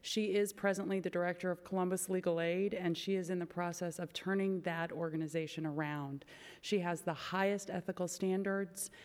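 A woman's voice: on the low side, steady tone, moderate pace, darkish tone. A woman, a director of an organization, making a formal recommendation before a court. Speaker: legal aid foundation director. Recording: echoey hall.

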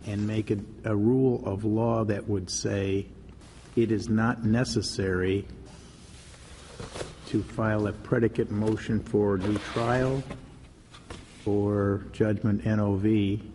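A man questions counsel from the bench, probing and deliberate. His voice is low and creaky, with a mellow edge. It rings in a large courtroom with faint noise behind it. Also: in a large hall. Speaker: supreme court justice.

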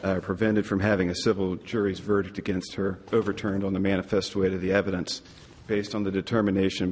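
Deep, gravelly male lawyer arguing. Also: slight background noise. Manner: formal but halting. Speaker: appellate lawyer. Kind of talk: oral argument in court. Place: large courtroom. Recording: reverberant courtroom.

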